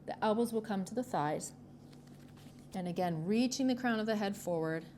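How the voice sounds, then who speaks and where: A woman leading a yoga class with short, calm cues in a gentle, encouraging, informal way. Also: medium pitch, moderate pace. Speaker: yoga instructor. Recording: clearly noisy ambient background.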